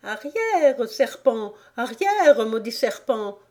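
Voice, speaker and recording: A woman playing a big male pigeon from an audiobook, shrill and sobbing. He sounds indignant and accusing, pitched well above a plain speaking voice. The delivery is slow and unhurried. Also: lively intonation, darkish tone. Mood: menacing. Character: big, fretful, menacing male pigeon guarding eggs. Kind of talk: audiobook character voice.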